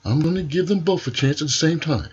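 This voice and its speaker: A man's voice: a little high, fast talker, darkish tone, dull audio, soft background music, natural voice. A man playing a stern, indignant wrestling federation president delivering an emphatic, authoritarian wrestling promo. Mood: stern, declaring.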